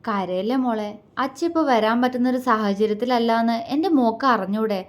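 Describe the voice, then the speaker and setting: A woman's voice: fairly high pitch, brisk, natural voice. A woman voicing an aging father who talks in a soothing, affectionate way. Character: aging father, loving and gently teasing.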